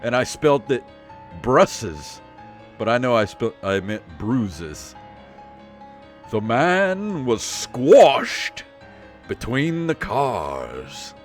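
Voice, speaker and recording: A tired-sounding man hosts a podcast with a medium-pitched, sing-song voice, chatting casually and comedically. At times he reads stories aloud theatrically, drawing them out for dramatic effect. Background music plays throughout.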